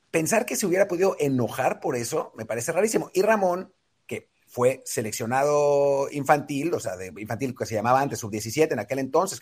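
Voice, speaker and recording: A man's voice: fairly high pitch, darkish tone. A Mexican man chatting about football on a sports panel, telling stories with animation. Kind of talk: casual sports chat.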